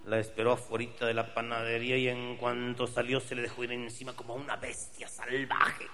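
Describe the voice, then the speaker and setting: Profane Mexican stand-up comedian. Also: male voice, medium pitch, completely flat delivery, a little fast, sharp tone, big-room sound. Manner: profane, wry. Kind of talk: stand-up storytelling.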